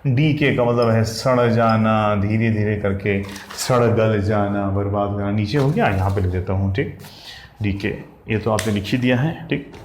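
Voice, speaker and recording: This English teacher's voice is lowish and moves at normal speed, recorded in an echoey room with faint ambience and slight background noise. Teaching exam vocabulary, he spells words out letter by letter and keeps checking on his students, addressing them as "साथियों" and "भैया".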